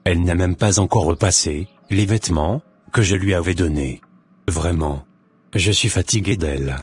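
In a cartoon drama, an actor voices a polite, scheming young evangelist who speaks in measured, formal phrases and sounds fed up. The male voice is deep and slightly rough, with faint music in the background.

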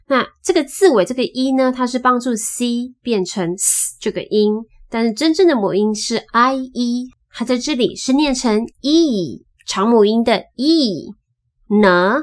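A woman teaching English phonics, patiently spelling out sounds and repeating each word slowly. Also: a little high, expressive. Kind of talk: slow spoken phonics lesson.

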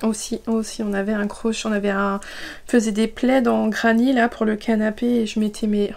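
A French woman in her thirties chats casually as host of her knitting vlog, wandering off into asides full of fillers. Her voice sits a little high, with a soft, mellow tone. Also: little pitch movement, normal speed, vocal fry. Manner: rambling, many fillers and asides.

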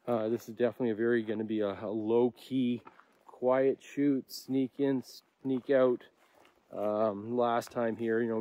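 Man narrating a grassland hike, halting. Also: medium pitch. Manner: relaxed, halting, many fillers. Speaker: wildlife photographer. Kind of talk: casual vlog narration while hiking. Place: outdoors in open grassland.

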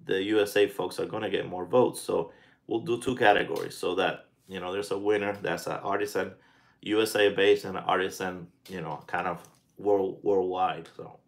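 A man in his forties hosting a casual live chat, talking in a halting way as he thinks aloud. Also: low voice, steady tone, gravelly. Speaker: pipe tobacco vlogger and live stream host. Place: small indoor room at home.

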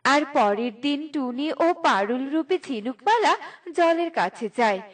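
A woman's voice: high-pitched, animated, unhurried. A woman storyteller reading scripted narration for a children's cartoon tale. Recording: music under the voice.

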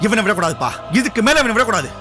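A hot-headed young village man hurls threats in a high, swooping, rapid voice. He is agitated and barely held back. Loud drama music plays beneath. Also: sing-song. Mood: furious. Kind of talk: television serial acting. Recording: television drama with background music.

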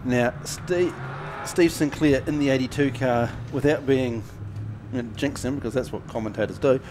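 A man's voice: mid-range voice, moderate pace. A man with a New Zealand accent giving speedway race commentary. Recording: loud car noise behind.

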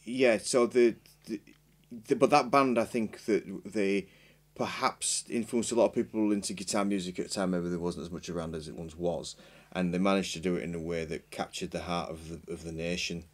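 Low-voiced bloke in his 40s, rambling and self-deprecating, small podcast studio on a boom mic. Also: steady tone, brisk. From Yorkshire, England. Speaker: band member guest. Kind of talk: casual chat. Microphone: boom mic with headphones.

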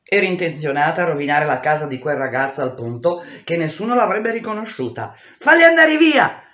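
Expressive woman reading a memoir aloud. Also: sits low, a little fast, roomy sound. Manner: intense, expressive, shouting the dialogue. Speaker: reader. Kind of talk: dramatic audiobook reading.

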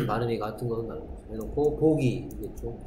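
This middle-aged middle school English teacher has a lowish voice with lively intonation and talks a little fast over a noisy background. In his classroom lecture he repeats words, quizzes students, and asks rhetorical questions, all in an echoey room with faint ambience.

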